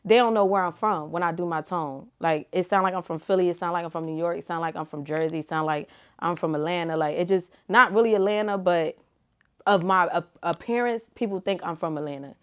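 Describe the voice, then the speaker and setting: This is a young woman guesting on an interview, a rapper who is also a reality TV personality. She talks fairly quickly in a smooth, fairly low-pitched voice, keeping things laid-back and slangy with frequent "like" and "you feel me."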